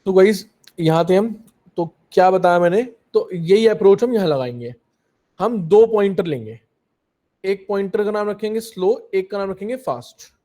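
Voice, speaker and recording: Young male tutor, high-pitched, patient step-by-step explainer checking in with students. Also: lively intonation, normal speed, warm tone. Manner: explains step by step, keeps asking if students understood. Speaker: coding teacher. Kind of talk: live online coding class.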